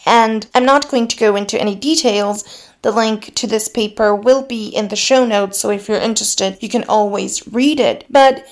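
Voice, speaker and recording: A podcast host whose first language is Serbian teaches grammar in a scripted linguistics lesson. Her fairly high voice is measured and explanatory, and she switches into Slavic example phrases.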